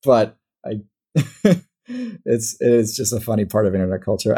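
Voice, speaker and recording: Midwestern guy, slightly low, husky, rambling podcast guest. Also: warm tone. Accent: Midwestern American. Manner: rambling, self-correcting, laughs often. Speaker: guest, animal-ranking YouTuber. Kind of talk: casual podcast conversation.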